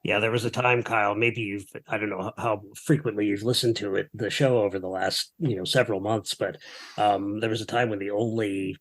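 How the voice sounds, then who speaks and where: A man's voice: lowish voice, steady tone, brisk, no room sound. A man co-hosting a podcast in casual chat, rambling and hesitant, often laughing. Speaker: podcast co-host.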